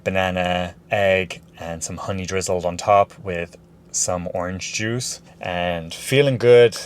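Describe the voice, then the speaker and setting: A man chatting casually and informally as he vlogs a run, thinking aloud in an upbeat way. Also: deep voice. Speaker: vlogger, trail ultra runner. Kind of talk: casual vlog chat. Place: mostly outdoors. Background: music.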